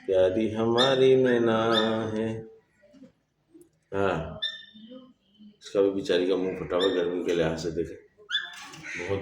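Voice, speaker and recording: Slow-talking man in an echoey room. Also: on the low side, noisy background. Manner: slow, affectionate coaxing of his birds. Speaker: vlogger showing his pet birds. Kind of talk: casual vlog talk to viewers. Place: hot home space with bird cages.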